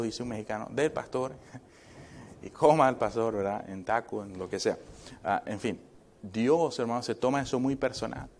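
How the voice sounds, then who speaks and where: In a church, a male pastor preaches in a chatty, conversational style, constantly throwing short checking questions back at the congregation. His pitch is an ordinary middle range, and he slips in the occasional joke. There's slight background noise.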